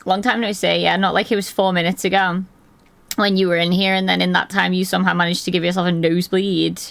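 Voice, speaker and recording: A hoarse woman streamer talks loosely to her chat, her voice rough and full of fry. She rambles from one thought to the next and laughs a lot. The sound is close and dry, with no room around it. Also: lowish voice, level tone, quick pace, fairly bright tone, dry recording. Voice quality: gravelly. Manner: chatty, rambling, laughs often. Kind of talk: casual chat with live viewers. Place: at a desk indoors.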